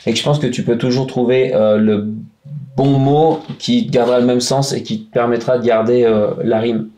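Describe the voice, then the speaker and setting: A man in a casual round-table chat about songwriting, talking with a dark, mellow tone at an ordinary middle pitch. He is emphatic and animated and keeps restarting his sentences with fillers. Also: normal speed. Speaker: punk songwriter and musician.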